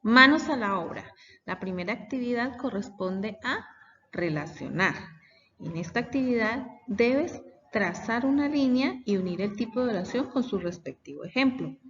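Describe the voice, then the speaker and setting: A woman's voice: fairly high pitch, lively intonation, normal speed, fairly bright tone, recorded from a distance, slight background noise. A woman teacher, patiently explaining a lesson for children. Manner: patient, explanatory, reading example sentences aloud. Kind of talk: recorded classroom lesson for children. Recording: dull audio with long reverb.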